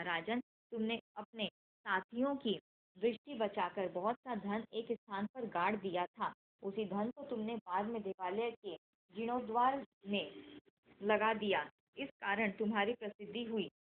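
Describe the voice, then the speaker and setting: A woman in a steady, measured devotional scripture reading, with occasional self-corrections, over a tinny phone-like line. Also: medium pitch, a little hiss or hum. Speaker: scripture reader.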